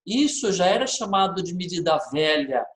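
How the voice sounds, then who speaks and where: A man's voice: sits high, lively intonation, moderate pace, roomy sound. A man, teaching a literature lesson and checking in often with his class.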